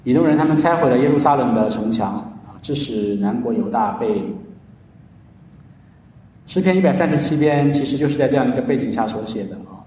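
A man's voice: mid-range voice, lively intonation, fairly quick, mellow, a little hiss or hum. A man preaching a sermon in earnest storytelling style, often stretching his sentence endings. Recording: echoey hall, heard from a distance.

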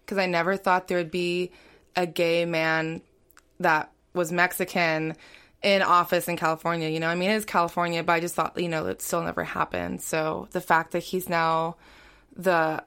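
Smooth-voiced young woman, chatty. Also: on the low side, fairly bright tone. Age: young adult. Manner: chatty, heavy on "like" and "you know". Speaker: guest, college student. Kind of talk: casual interview talk.

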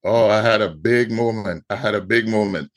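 The guest artist in this podcast interview is a middle-aged man from Trinidad and Tobago with a Trinidadian accent. He speaks at a moderate pace in a fairly low voice, telling his story and frequently repeating words.

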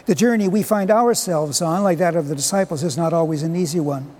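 A man, a priest, reading the Gospel and preaching at Mass in a measured, solemn way, his voice carrying a cathedral echo. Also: on the high side, a little mellow. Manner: measured, solemn liturgical delivery. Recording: long church reverb.

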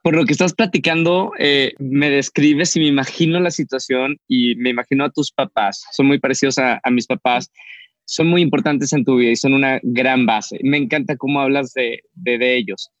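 A man's voice: medium pitch, fairly even intonation, moderate pace, no room sound, dull audio. A man hosting a podcast and asking reflective interview questions. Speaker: podcast host. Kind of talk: casual interview conversation.

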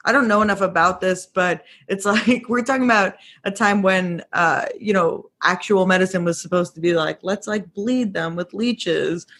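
A podcast co-host in casual discussion, reflective and quick to laugh. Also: medium pitch, fairly even intonation, bright, forceful tone.

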